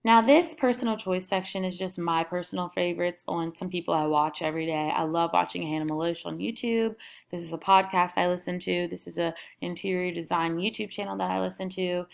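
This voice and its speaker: A young woman talks through a screen recording of her own website, her lowish voice full of vocal fry. She keeps it casual and upbeat, running through lists of links and sections. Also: steady tone, brisk. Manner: casual, upbeat listing of items. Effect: screen recording voice-over. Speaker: student presenting her class website. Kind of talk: screen recording walkthrough narration.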